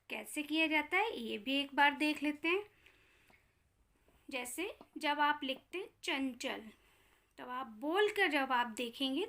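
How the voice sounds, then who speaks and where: A woman's voice: high-pitched, pushed and bright. A woman teaching a grammar lesson to children, speaking to them directly, asking questions and answering them herself, and sounding out letters one by one.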